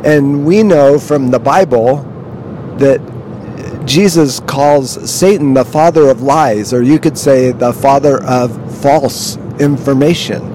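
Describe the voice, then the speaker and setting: A man hosting a devotional podcast in a slow, measured, earnest way, recorded as low-quality audio inside a moving vehicle. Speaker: podcast host. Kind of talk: devotional monologue. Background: faint vehicle rumble.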